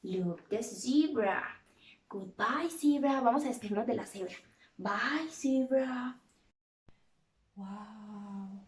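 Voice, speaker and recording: A woman teaching a bilingual lesson to small children, in a slow, exaggerated and playful way with gasps of surprise. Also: a little high. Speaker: preschool teacher. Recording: roomy, distant from the mic.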